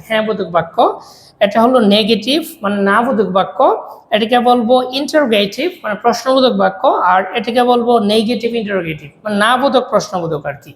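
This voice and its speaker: A woman, teaching a spoken English lesson and repeating drill phrases slowly. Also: fairly high pitch. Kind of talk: explaining English grammar lesson. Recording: echoey room.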